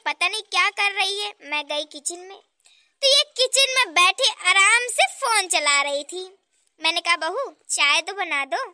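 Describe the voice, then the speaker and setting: A woman's voice: very high voice, bright, forceful tone, no echo, studio quality, heavily acted. A woman voicing an older village mother-in-law in a cartoon, complaining melodramatically about her daughter-in-law. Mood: telling. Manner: self-pitying, complaining, melodramatic. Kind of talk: cartoon voice acting.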